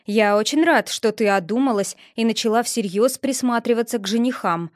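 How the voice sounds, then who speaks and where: A fatherly king, as a woman reads him, hesitant and eager to smooth things over, speaking a little lower and slower than her narration. The voice stays fairly high for a man, and the recording is close and dry. It is an audiobook character voice. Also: no room sound, natural voice. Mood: placating. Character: middle-aged king, fatherly, hesitant and placating.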